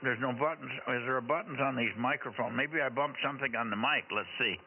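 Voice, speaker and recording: A man's voice: medium pitch, a little fast. A puzzled, chatty man running a ham radio net, heard as an off-frequency, mistuned radio transmission. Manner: puzzled, chatty, says "over" to end turns. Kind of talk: casual radio net chat. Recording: tinny radio receiver audio with loud static.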